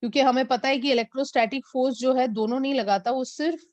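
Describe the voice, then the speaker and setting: A woman physics teacher, mixing Hindi and as she teaches an online class and slowly repeats numbers for her students. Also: high-pitched, fairly even intonation, a little mellow, no echo. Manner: mixes Hindi and English.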